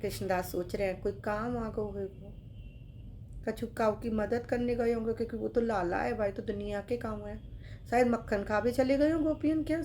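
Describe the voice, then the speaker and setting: A woman storyteller narrating a devotional tale in a slow, drawn-out, emphatic way. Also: fairly high pitch, mellow, slight background noise.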